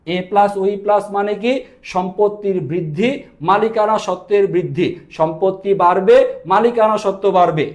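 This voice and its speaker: High-voiced, fast-drilling accounting teacher. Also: male voice, darkish tone. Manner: quick, drilling questions and answers to students. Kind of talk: live online class lecture.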